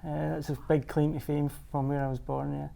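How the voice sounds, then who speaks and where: Gravelly, dark-voiced Scottish man. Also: on the high side, level tone, brisk. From Scotland. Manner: hesitant, many uh fillers and restarts. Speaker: executive director. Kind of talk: studio interview.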